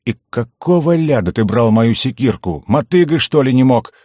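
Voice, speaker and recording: A man's voice: on the low side, expressive, a little fast, darkish tone, no room sound, pitched above the performer's own voice. A man voicing a surly, stingy male dwarf with a quarrelsome grumble, in a dry, close recording.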